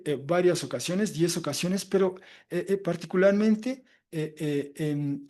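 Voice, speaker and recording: A man preaching an expository sermon from the pulpit, lively and animated, often tagging his points with quick questions to the congregation. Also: on the high side. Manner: lively, often tags phrases with "¿verdad?" and "¿ah?"; animated, swinging between loud emphasis and quiet asides. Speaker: pastor.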